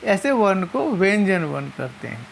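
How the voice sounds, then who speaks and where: A woman teaching a lesson, explaining step by step and slowly spelling out each sound. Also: mid-range voice, sing-song, creaky, slight background noise. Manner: slow and methodical, repeating and spelling out sounds.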